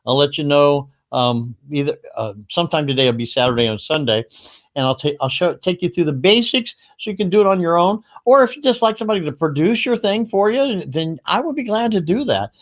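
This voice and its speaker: A man hosting a casual livestream, talking in a rambling, upbeat way with quick asides. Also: fairly high pitch, lively intonation. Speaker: livestream host.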